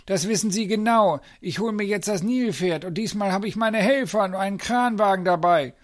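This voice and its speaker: A man playing a shrill, sputtering zoo director. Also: moderate pace, a bit bright. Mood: gloating. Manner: high-pitched, sputtering, indignant. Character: blustering male zoo director, shrill, flustered.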